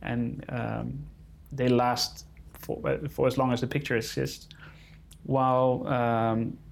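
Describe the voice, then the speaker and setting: Non-native English-speaking man, creaky, careful wording. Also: medium pitch, level tone, slow. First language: not English. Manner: careful English, searching for words. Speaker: conservation photographer being interviewed. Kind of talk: conversational interview answers.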